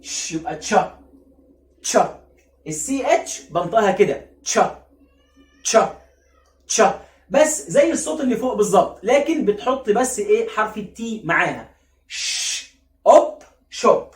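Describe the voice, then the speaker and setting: A man with an Egyptian Arabic accent teaching a phonics lesson, stretching out and repeating each sound slowly, and asking questions that he answers himself. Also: high voice, echoey room.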